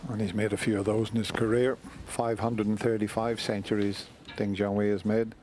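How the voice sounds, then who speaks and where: Man, quiet snooker commentary, low voice, very even delivery, faint ambience. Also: normal speed, slight background noise. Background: faint arena ambience.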